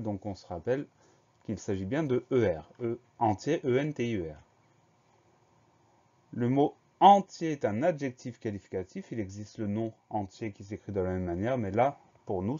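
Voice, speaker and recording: Man spelling words out slowly. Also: medium pitch, dark tone, muffled recording. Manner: slow, methodical, spells words letter by letter. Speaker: French teacher. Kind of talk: spelling lesson.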